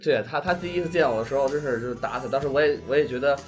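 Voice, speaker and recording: A man's voice: mid-range voice, racing, soft background music. A man co-hosting a podcast, telling a long casual story with many stops and restarts. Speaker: podcast co-host.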